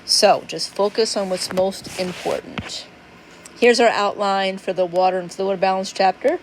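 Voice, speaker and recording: A woman's voice: mid-range voice, steady tone, unhurried, a little hiss or hum, poor audio. A middle-aged woman giving a casual, chatty recorded lecture as an instructor, walking through slides. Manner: casual, chatty, apologetic about yawning.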